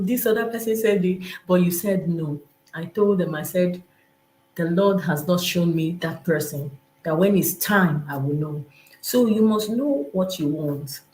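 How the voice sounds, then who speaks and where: On a live stream with a roomy, echoing sound, a woman with a Nigerian accent gives informal, motivational teaching. Her lowish, mellow voice is emphatic and conversational, with heavy repetition, and she acts out imagined remarks.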